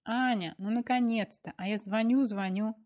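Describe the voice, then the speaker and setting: A woman's voice: fairly high pitch, fairly even intonation, normal speed, close to an everyday voice. Woman reading as a teasing, affectionate boyfriend. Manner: teasing, warm, playful. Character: affectionate grown man, teasing lover.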